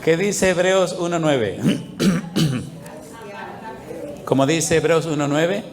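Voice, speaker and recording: A middle-aged male pastor preaches in a fairly high voice, his sermon ringing around an echoey church hall. He keeps asking the congregation questions and waits for their answers, and he tells his stories with plenty of animation. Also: slow, some chatter behind. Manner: call-and-response questions to the congregation, animated storytelling.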